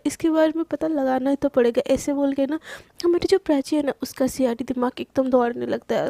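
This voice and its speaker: A woman narrates a story in a chatty, casual flow, full of little fillers. Her voice is high yet mellow, and the recording is close and dry. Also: creaky, no room sound. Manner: chatty, filler-heavy Hinglish retelling.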